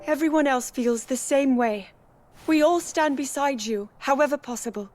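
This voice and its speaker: A woman's voice: sits high, moderate pace, a little mellow, close to an everyday voice. An actress playing a devoted young princess who speaks earnestly about protecting her people. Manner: earnest and determined. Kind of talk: video game cutscene acting. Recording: game cutscene with music behind.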